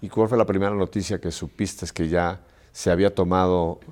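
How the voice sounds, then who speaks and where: A man's voice: low-pitched, fairly even intonation, a little fast, darkish tone. A man hosting a TV interview, asking short questions and giving brief affirmations. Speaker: interviewer, TV host.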